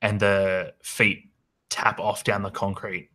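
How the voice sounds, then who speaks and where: Bright-voiced guy running an rpg on a call, excited, lots of ums. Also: fairly low pitch. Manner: enthusiastic, halting with fillers. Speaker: game master. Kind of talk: narrating a tabletop game.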